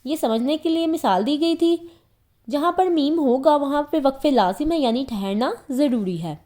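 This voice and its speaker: High-voiced woman teaching Quran lessons. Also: expressive, warm tone. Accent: Pakistani Urdu. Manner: patient, repeats each point in simpler words. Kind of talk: explanatory religious lesson.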